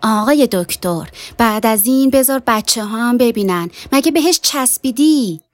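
A stern, grumbling wife, played by a male narrator in a storybook reading, her high raised voice sharp with impatience. Dry, close sound. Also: animated, no room sound. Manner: scolding, impatient.

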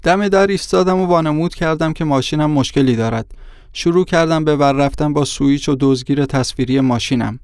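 Man, audiobook narrator, measured storytelling, smooth resonant voice, dry close sound. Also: fairly high pitch, a little mellow, no echo.

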